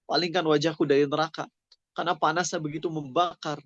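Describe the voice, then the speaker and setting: A scorched, desperate sinner pleads again and again, his voice pushed a little higher and strained, as a preacher acts him out in his sermon. The sound is dull and lo-fi, with a dry, close feel. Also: little pitch movement, quick pace, a bit bright, no echo. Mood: pleading. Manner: begging, repeating "ya Allah". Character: desperate pleading sinful man, burnt, begging.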